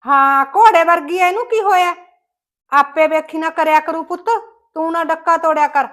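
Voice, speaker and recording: A woman speaking in a very high-pitched, steady and somewhat bright voice at a moderate pace takes the role of a scolding village mother-in-law in a comedy skit. Her Malwai Punjabi accent colors a rustic, emphatic delivery full of gossipy grumbling.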